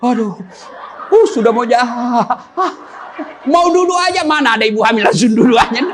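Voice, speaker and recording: A man's voice: very high-pitched, expressive, normal speed, crowd noise. A man giving a humorous sermon, joking and teasing his listeners with questions. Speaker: Islamic preacher.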